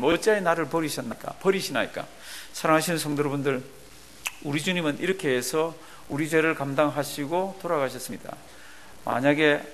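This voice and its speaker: A man preaching a sermon as pastor, asking the congregation questions and rising into loud, shouted passages. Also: fairly high pitch, a little hiss or hum. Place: church sanctuary.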